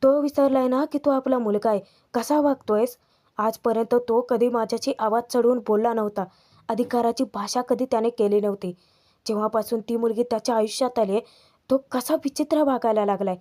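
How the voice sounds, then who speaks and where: A woman's voice: fairly high pitch, fairly quick, natural voice. A woman voicing a domineering middle-aged mother who scolds and accuses her daughter-in-law. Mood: aggrieved. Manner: scolding, accusing, rising to shouting.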